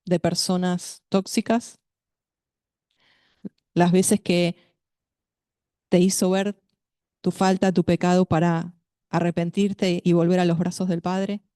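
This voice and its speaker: A woman's voice: lowish voice, level tone, dark tone, no echo, clean studio sound. A woman preaching at a women's meeting, speaking to her listeners directly and asking them questions. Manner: measured, addresses listeners directly as sister with questions. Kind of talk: sermon.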